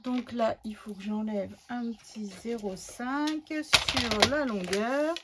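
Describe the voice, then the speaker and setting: A woman's voice: fairly high pitch, takes it slowly, heavy background noise. A woman hosting a scrapbooking tutorial, chatting casually and thinking aloud as she works, with many fillers.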